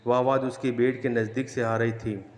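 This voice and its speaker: Monotone man narrating horror stories. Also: mid-range voice, normal speed. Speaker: storyteller. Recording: echoey room with long reverb.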